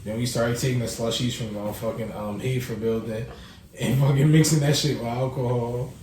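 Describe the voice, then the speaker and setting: A man's voice: mid-range voice, steady tone, fairly quick, far from the mic. A young man in casual chat, laid-back and slangy, swearing freely as he reminisces. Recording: roomy, off-mic with background noise.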